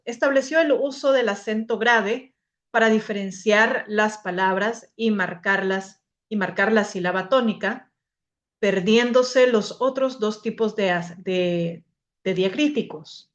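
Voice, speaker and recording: A woman's voice: on the high side, slow pace. A young woman teaching a spoken grammar lesson to a class, explaining patiently, often restarting her words.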